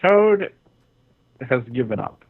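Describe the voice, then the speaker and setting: A man's voice: medium pitch, very animated, slow pace, a little hiss or hum. Casual male gamer, laid-back and dry, voice glitching half-robotic over a tinny muffled call. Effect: choppy half-robotic sound from a lagging voice call. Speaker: co-player and guest. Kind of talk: casual gaming chat.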